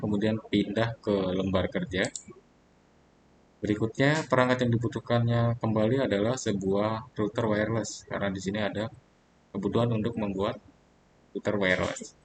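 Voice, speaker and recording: A man walking viewers through a networking software tutorial step by step, pausing on fillers as he clicks along. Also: lowish voice, background noise. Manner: steady step-by-step instruction with frequent fillers. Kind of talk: screen-recorded software tutorial.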